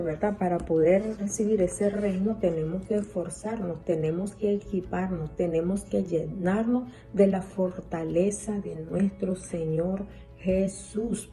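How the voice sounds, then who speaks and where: Mellow-voiced woman preaching a sermon. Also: mid-range voice, rough recording. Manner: repetitive, emphatic preaching with tag questions.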